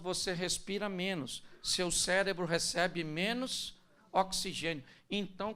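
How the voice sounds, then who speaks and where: A man's voice: high voice, a bit bright. A male pastor preaching a conversational sermon to couples, joking and acting out little scenes.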